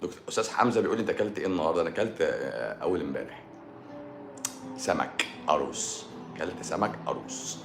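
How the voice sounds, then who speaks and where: A man's voice: sits low, lively intonation, racing, creaky. A man with an Egyptian Arabic accent hosting a live stream, answering viewer questions in a joking, sarcastic manner. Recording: roomy echo with music behind.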